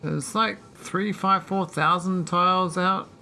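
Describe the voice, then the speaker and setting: A man chatting casually while streaming a game, rambling with many pauses and talking to his viewers. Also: high voice, fairly even intonation, gravelly, bright, forceful tone, a little hiss or hum. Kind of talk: casual live-stream chat.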